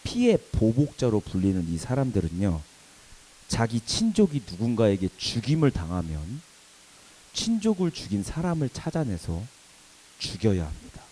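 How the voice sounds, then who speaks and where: A young adult man preaching to a youth service, telling a funny personal story with lively acted quotes and laughter. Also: lowish voice, normal speed, slightly rough, rough recording. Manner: animated storytelling, laughing at himself, acting out quoted shouts. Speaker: youth pastor. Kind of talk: sermon with personal anecdote. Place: church worship hall.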